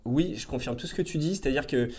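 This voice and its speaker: A man talks quickly and frankly in a relaxed review chat. He often restarts his phrases and keeps a middle pitch. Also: slightly rough. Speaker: podcast co-host reviewing a series. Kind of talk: casual chat.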